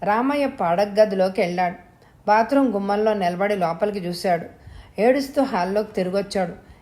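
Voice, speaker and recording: A woman reading a suspense story aloud as a steady, scripted narration. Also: medium pitch, moderate pace. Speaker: audio story reader.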